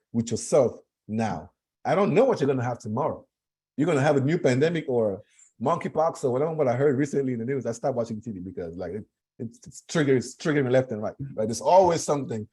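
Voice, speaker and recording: A man from Cameroon talks as a guest over a video call in a mellow, husky voice. He speaks earnestly, pressing his points and repeating words for emphasis. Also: medium pitch, expressive, a little fast. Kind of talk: conversational talk.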